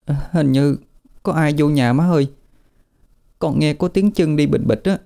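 A man's voice: a little high, normal speed, gravelly, warm tone, voice pushed up. A man voicing a terrified, clingy little girl in a ghost story, trembling and crying out. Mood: frightened whisper. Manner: trembling, whimpering cries.

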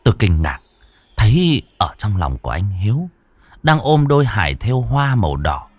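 A man's voice: on the low side, very animated, normal speed, dry recording. A man narrating a ghost story in a dramatic, suspenseful way.

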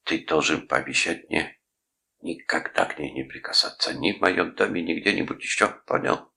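Man reading as self-righteous uncle, preachy, very deep gravelly voice, bright edge; audiobook. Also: full character voice. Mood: indignant. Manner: preachy, lecturing, drawn-out phrases. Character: pompous sanctimonious middle-aged uncle, menacing.

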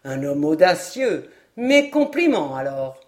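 A chatty, effusive gentleman traveler, read by a woman, who pours out words and hops from topic to topic with eager, raised energy. His voice rides a little louder than the narration around it, in an audiobook reading. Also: sits low, big pitch swings, takes it slowly, voice pushed down, heavily acted. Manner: voluble, effusive, jumps between topics. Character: talkative, excitable male foreign traveler.

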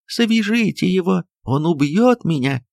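A man reading an audiobook, voicing a frightened, agitated doctor's wife who gives commands in a raised, high voice. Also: lively intonation, moderate pace, darkish tone, dry recording, clean studio sound, natural voice. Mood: panicked. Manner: agitated, high-pitched, shrill cries.

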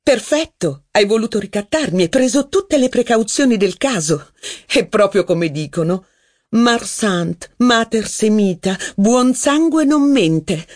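A man reading a classic novel aloud in measured, literary narration. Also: sits high, expressive. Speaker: audiobook narrator.

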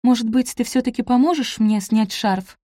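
A woman reading a young maid's lines in a higher, trembling, pleading voice. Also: normal speed, mellow, dry recording, studio quality, close to an everyday voice. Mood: timid, pleading. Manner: pleading, trembling, then crying out. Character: young woman, frightened maid hiding a secret.

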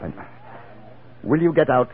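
An actor with an English accent narrating and playing a cool-headed, urbane gentleman adventurer in a 1950s radio drama, polished and dry. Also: a little high, animated, measured pace, a little hiss or hum. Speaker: narrator and lead. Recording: narrow-band 1950s radio broadcast with music.

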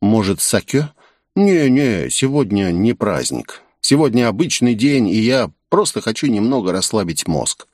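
A man's voice: lowish voice, very animated, unhurried, a little mellow, no room sound, studio quality. A man voicing an easygoing male agent relaxing over drinks at a bar in an audiobook. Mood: relaxed. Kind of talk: audiobook character voice.

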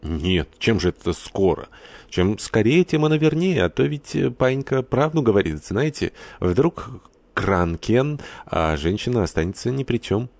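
A man's voice: on the low side, very animated, measured pace, creaky, a little mellow, no echo, voice pushed up, heavily acted. Man reading as an eager talkative village priest.

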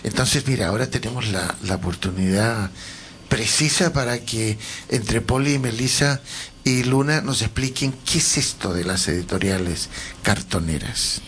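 A man hosting a casual radio interview in a studio. He talks in a relaxed, hesitant way and often repeats words. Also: fairly low pitch, normal speed, slight background noise. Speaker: radio host. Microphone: studio microphone.

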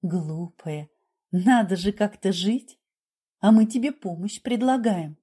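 A woman voicing a blunt middle-aged nurse who lectures brusquely, in a husky voice. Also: lowish voice, unhurried, mellow. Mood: matter-of-fact.

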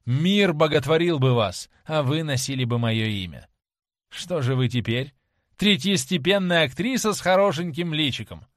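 A man voicing a proud young man who turns cruel in anger, with loud, bitter, accusing outbursts in an audiobook reading. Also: fairly high pitch, lively intonation, moderate pace, no echo, studio quality, close to an everyday voice. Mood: scornful, furious.

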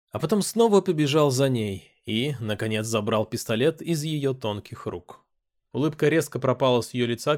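Reading an audiobook in the first person, a man with a mid-range voice gives an expressive performance. When he moves into dialogue, he takes on a playful, teasing tone.

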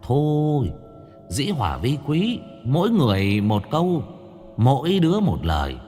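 A man's voice: mid-range voice, huge pitch swings, a little slow, mellow, long reverb tail, soft background music, pitched above the performer's own voice. A man voicing a chubby, good-humored old earth god who scolds in an easy, folksy way. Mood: placid.

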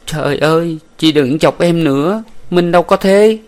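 A man's voice: a little high, normal speed, voice pushed up, natural voice. A man voicing a distraught young woman in an audiobook, pleading and tearful. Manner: pleading, sobbing. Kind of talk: audiobook character voice.

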